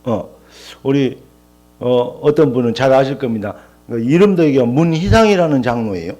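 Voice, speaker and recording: Animated older male pastor preaching. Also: mid-range voice, normal speed. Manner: animated storytelling with quoted dialogue. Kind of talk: sermon. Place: church.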